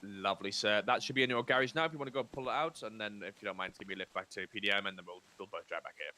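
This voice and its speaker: Brisk bright-voiced man. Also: on the low side. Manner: brisk, chatty, polite, calls people sir. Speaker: roleplay player as lawyer. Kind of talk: in-character roleplay chat.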